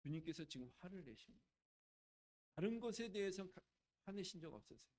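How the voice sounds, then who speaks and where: Middle-aged male pastor, high and lively voice, conversational sermon, hushed one moment and loud the next. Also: a little fast. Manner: conversational preaching, asks the congregation questions; swings from hushed to loud and animated.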